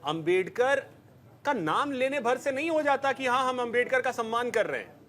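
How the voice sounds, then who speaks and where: A man's voice: very high voice, animated, normal speed, fairly bright tone. A man anchoring a televised panel debate, steering speakers and pressing his own question.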